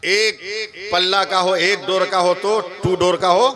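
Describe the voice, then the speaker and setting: A man from West Bengal preaching a religious sermon at an open-air gathering, talking slowly, repeating himself, quizzing the crowd and joking between points. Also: high-pitched, fairly even intonation. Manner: slow, repetitive, asks the crowd questions, joking asides. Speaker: Islamic preacher. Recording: live sermon over loud crowd noise.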